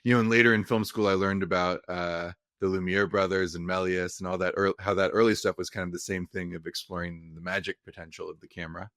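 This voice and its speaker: A man's voice: low-pitched, flat delivery, fast, few pauses, a bit bright, no echo, studio quality. A young man from California, a film director, talking casually in an interview and rambling with many restarts. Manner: rambling, frequent restarts and fillers.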